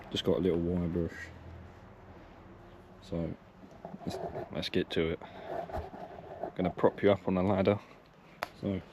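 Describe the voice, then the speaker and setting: Working on bikes around the car, sheds and yard, a young man narrates in a low voice, matter-of-fact and relaxed in a vlogger style. Background noise can be heard.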